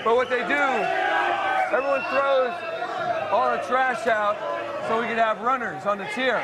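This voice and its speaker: High-voiced American man, plain-spoken prison officer. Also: steady tone, measured pace. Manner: plain-spoken, short repeated phrases. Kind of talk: unscripted on-the-job explanation to camera. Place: inside a large prison cell block. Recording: noisy prison block, loud music and crowd. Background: crowd din and music.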